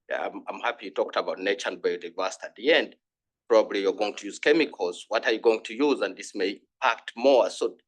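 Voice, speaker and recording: Husky, halting man. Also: on the low side, poor audio. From Uganda. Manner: halting, earnest, with frequent restarts. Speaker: panel discussant. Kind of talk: conference panel comment.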